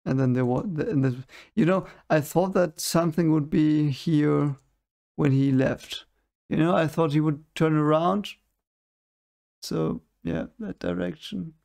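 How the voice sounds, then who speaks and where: A man's voice: on the high side, unhurried, creaky, a little mellow. A young man hosting a reaction video, talking casually at a desk mic and brushing off the clips as fake, now and then hunting for a word. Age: young adult. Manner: skeptical, dismissive, searches for words. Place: home room at a desk. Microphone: desk microphone in front of him.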